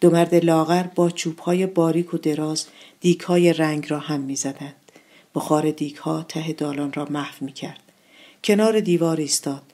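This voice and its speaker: A woman reading her own short story aloud in a calm, measured way. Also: low voice. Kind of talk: literary narration.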